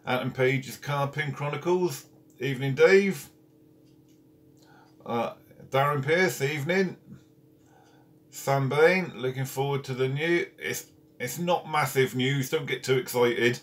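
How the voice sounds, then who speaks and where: A man's voice: mid-range voice, slow, long pauses, fairly bright tone. A man hosting a casual live stream from home, chatting and greeting viewers one by one by name. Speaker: carp fishing channel host. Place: at home, indoors.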